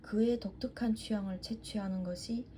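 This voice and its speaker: A woman with a Yanbian Chinese-Korean accent reading practice sentences aloud with careful, deliberate enunciation. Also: medium pitch, steady tone, mellow. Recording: muffled, with faint background noise.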